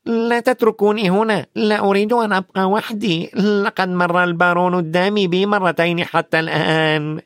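A man's voice: high voice, steady tone, brisk, fairly bright tone, no room sound, studio quality, pitched above the performer's own voice. A man voicing a timid, frightened schoolboy who pleads not to be left behind, for an audiobook. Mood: pleading. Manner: pleading, fearful.

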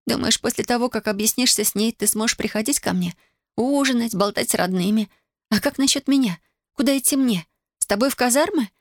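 A woman's voice: mid-range voice, steady tone, moderate pace, no room sound, clean studio sound, lightly acted. A woman doing a torn, pleading teenage girl. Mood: heated.

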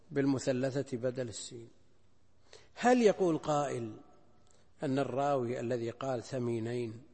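An older man, a scholar, explaining a hadith text in a lecture. He speaks deliberately, repeating phrases and weighing options aloud. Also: mid-range voice, a little mellow. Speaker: Islamic scholar teaching hadith. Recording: lecture hall with long reverb.

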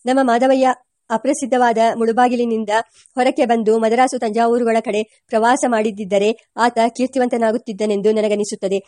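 A woman reading a memoir aloud as an audiobook narrator, steady, with occasional slips and self-corrections. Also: on the high side, normal speed, no room sound.

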